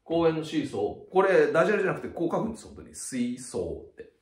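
Lively middle-aged male tutor, echoey room. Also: fairly high pitch, fast talker. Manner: chatty, ends phrases with a tag "ne", acts out sound effects. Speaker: cram school head teacher. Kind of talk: explaining vocabulary to students.

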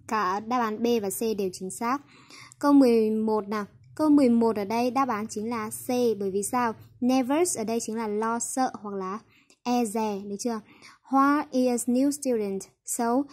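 Woman teacher going over answers, pitched high. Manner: checks in with "right?" after nearly every point, mixing English words into explanations. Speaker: English teacher. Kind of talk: recorded lesson, going over exercises.

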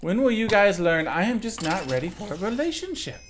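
A man's voice: high voice, big pitch swings, brisk, slight background noise. A young man doing sarcastic let's play commentary, joking with the creatures in the game. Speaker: gaming commentator.

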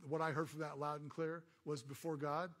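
A middle-aged man who is a pastor, preaching a sermon as an animated story and calling out to the congregation. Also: on the high side, fairly quick.

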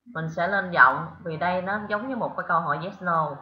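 A woman from Vietnam with a fairly low voice teaches an English lesson to pupils. She explains patiently, step by step, dropping in English words as she goes. The sound is roomy, dull and lo-fi. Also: fairly quick.

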